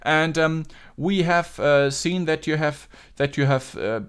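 A man's voice: on the high side, fairly bright tone, clear, resonant tone. A man doing a pushy scam caller with an Indian English accent. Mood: insistent. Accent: Indian English, put on. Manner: pushy, halting, repeats insistently. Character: male scam caller posing as police officer.

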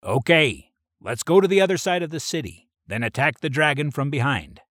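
A man's voice: on the high side, sing-song, normal speed, a bit bright, no echo, studio quality. A man doing Zeus, bossy god leader. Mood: urgent. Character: commanding male god leader.

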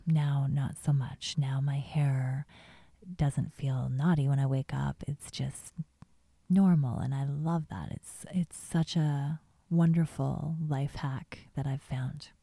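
Whispering woman with a gravelly, dark tone. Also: rumbling low, fairly even intonation, slow pace, no room sound. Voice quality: soft whisper. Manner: gentle, chatty, trails off. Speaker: beauty vlogger. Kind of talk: whispered ASMR beauty tips.

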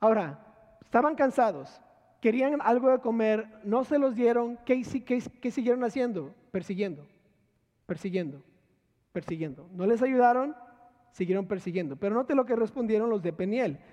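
Male pastor, fairly high voice, preaching with rhetorical questions, dull lo-fi recording in a church hall. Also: a little fast, darkish tone. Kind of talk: sermon. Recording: echoey hall, dull lo-fi sound.

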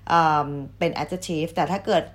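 A woman teacher giving a vocabulary lesson, saying each English word twice, louder and slower, then explaining it politely. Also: fairly low pitch, fairly even intonation. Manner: polite, ends phrases with soft particles.

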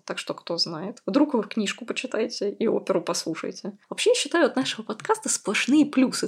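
A woman hosting a podcast goes through quiz answers, explaining each in a chatty way with light laughs. She has a mid-range, husky voice with vocal fry.

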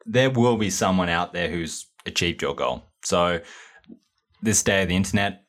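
A man with a very low, deep voice co-hosts a relaxed podcast chat. He talks in a laid-back way and lays out ideas one step at a time, often filling pauses with ums. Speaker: podcast co-host. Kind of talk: casual explanatory chat.

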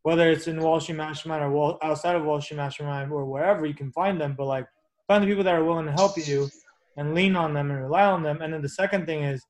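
A man's voice: a little high, steady tone, fast talker, darkish tone, rough recording. A man hosting a podcast interview, talkative and encouraging as he sums up advice. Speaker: podcast host. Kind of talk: casual interview.

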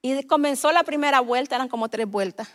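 Female preacher, fervent sermon delivery, sharp tone, reverberant church hall. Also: high voice, brisk. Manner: swings from soft storytelling to loud fervent preaching. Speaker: guest preacher. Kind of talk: Pentecostal sermon.

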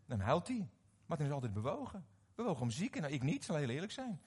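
A middle-aged man preaching a sermon, animated and often questioning his audience, repeating words as he restarts. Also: on the high side, quick pace, husky. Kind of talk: sermon to a live congregation.

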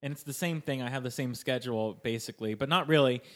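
A young man from Sacramento, California, appears as a guest on a casual podcast; he is an improv performer and writer. His mid-range voice is fast and fairly bright, and he tells rambling stories, saying "like" constantly.

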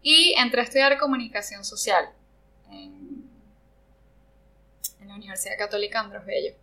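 In a conversational interview, this guest from Margarita Island, Venezuela, reflects on her answers and frequently hunts for the right word. She speaks at a moderate pace in an expressive, mid-range voice with a sharp edge.

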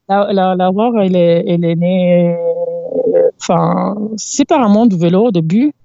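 Brief: Italian-accented woman, 40s, mellow, hesitant and searching for words, laughing easily, dry muffled outdoor recording. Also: on the low side, measured pace, vocal fry, no room sound. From Italy. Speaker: podcast guest, cycling activist. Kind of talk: casual interview chat. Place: outdoors in a meadow, sitting against a tree.

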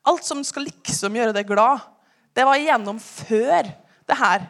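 Earnest higher-voiced young woman testifying. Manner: earnest storytelling, often dropping to a hushed voice. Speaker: church member giving testimony. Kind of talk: personal testimony to a congregation.

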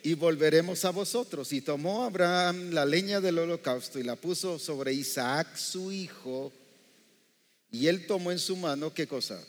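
A man's voice: a little high, a little slow. A male preacher delivering a sermon in a church, often quizzing the congregation with rhetorical questions. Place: church hall. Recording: echoey hall reverb.

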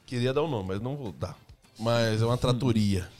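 A young man telling personal stories in a casual podcast chat, lively, laughing, and acting out the people he quotes. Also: medium pitch, fairly quick, soft background music. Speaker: youtuber and podcast guest.

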